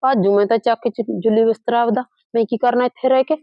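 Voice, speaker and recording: A woman playing a scheming, sharp-tongued young daughter-in-law who nags and scolds bitterly in a village drama. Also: fairly high pitch, steady tone, quick pace, no echo, highs cut off, lightly acted. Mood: grumbling, scheming. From Punjab, India.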